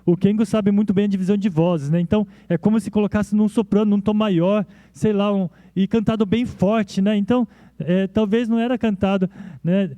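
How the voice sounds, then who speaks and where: A male pastor preaching a sermon in a relaxed, conversational way, often checking in with his listeners. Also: high-pitched, fairly quick, dry recording. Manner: conversational, frequent "né?" tags and restarts. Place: church.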